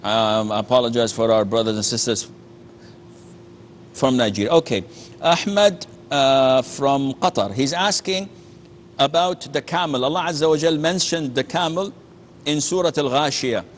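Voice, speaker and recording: A man's voice: medium pitch, moderate pace, slight background noise. A man answering callers' questions as a sheikh on a call-in show, earnest and emphatic, often restarting his sentences and using Arabic phrases. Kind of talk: call-in religious Q&A.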